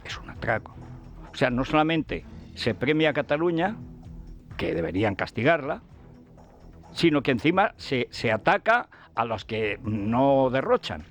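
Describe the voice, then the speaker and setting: A man's voice: mid-range voice, sing-song, unhurried, faint music behind. A man hosting a radio show, delivering a scornful, combative political commentary with a sarcastic edge. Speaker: radio host. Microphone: radio studio mic.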